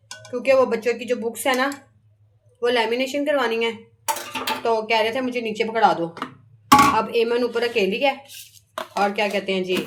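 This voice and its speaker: A woman's voice: on the high side, noisy background. A middle-aged woman, a mother and vlogger, chatting casually as she talks through her household chores. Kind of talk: casual running commentary.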